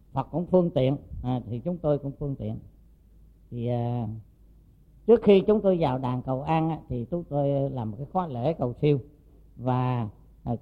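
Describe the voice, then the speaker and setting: Monk telling a story. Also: male voice, on the high side. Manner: many hesitant "à" fillers, earnest. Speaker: Buddhist monk teacher. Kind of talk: sermon storytelling. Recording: dull lo-fi recording.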